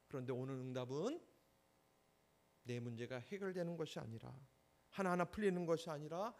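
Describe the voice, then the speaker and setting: A male pastor delivers a Sunday sermon with emphatic weight. He keeps turning to his listeners with questions, in a voice that sits fairly high for a man. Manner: emphatic, asks the congregation questions.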